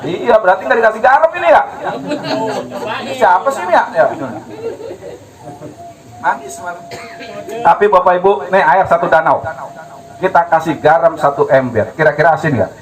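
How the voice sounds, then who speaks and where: A man preaching a humorous, animated sermon to a gathering, acting out dialogues and asking the audience questions. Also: high voice, moderate pace, long pauses, a crowd in the background, poor audio. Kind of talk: lively religious sermon. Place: gathering hall with live audience.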